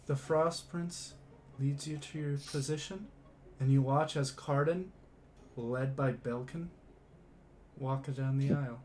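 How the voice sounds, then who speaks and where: A man narrating a tabletop game as game master, measured and deliberate, stumbling when flustered. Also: mid-range voice, fairly even intonation, a little mellow, slight background noise.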